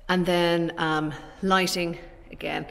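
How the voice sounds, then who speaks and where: Taking it slowly in a lowish, level voice, an Irish woman in her forties shows off a property as an estate agent, chatting and explaining on the move. The informal walkthrough takes place in an empty commercial unit with big, bare rooms.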